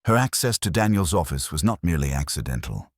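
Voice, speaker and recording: A man as Nero Wolfe, deep ponderous detective. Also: big pitch swings, husky, no room sound, studio quality, exaggerated voice. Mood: accusing. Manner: formal, deliberate, pronouncing. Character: brilliant, ponderous male detective, formal and exacting. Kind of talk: audiobook character dialogue.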